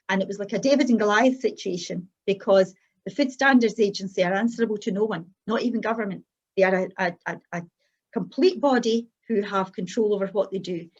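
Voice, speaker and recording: A middle-aged or older Scottish woman giving an unscripted personal testimony as a guest, speaking in an earnest, halting, anecdotal way. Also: medium pitch, muffled recording.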